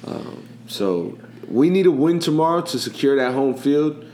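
Chatty man hosting a sports podcast, mellow tone. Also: a little high, expressive, a little slow. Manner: rambling and chatty, often asks "you know what I'm saying". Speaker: podcast host. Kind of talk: casual sports chat. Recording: echoey room, faint background noise.

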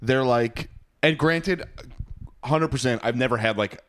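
Laughing, swearing podcast co-host. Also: male voice, mid-range voice, measured pace, a bit bright. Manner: laughing, swearing, repeats himself. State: sweaty and hot. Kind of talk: casual chat.

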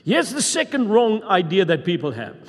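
Preacher, male, high pitch, emphatic sermon delivery, long hall reverb. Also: wildly swooping pitch, normal speed, husky. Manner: emphatic, reading scripture aloud with rising intensity.

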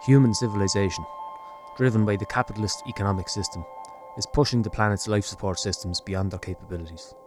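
Low-voiced man narrating over music. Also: steady tone, quick pace. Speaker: documentary podcast host. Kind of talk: scripted narration.

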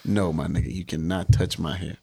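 A man's voice: low voice, fairly even intonation, a little fast, vocal fry, darkish tone, husky. A man from Minnesota chatting casually, telling stories with laughing asides. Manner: loose storytelling, laughing asides. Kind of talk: casual chat.

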